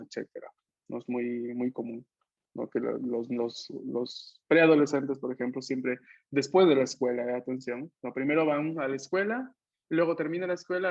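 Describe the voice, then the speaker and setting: A man's voice: medium pitch, no room sound. A man teaching a language class online, explaining patiently and tagging his sentences with a questioning "no?". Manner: explanatory, tags most phrases with a questioning "no?". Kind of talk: online Italian class taught in Spanish. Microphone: computer mic on a video call. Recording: dull lo-fi video call audio.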